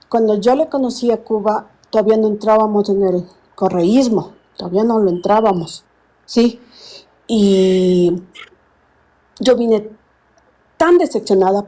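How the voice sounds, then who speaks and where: Sixties woman caller, warm low-key tone, earnest, hunts for words. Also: poor audio. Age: 60s. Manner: earnest, rambling, searches for words. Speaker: caller on a live stream. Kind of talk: casual call-in chat.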